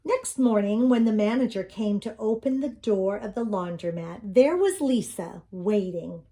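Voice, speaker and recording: A woman's voice: medium pitch, expressive, a little slow, mellow. A woman narrating a children's storybook as she reads it aloud. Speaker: storybook reader.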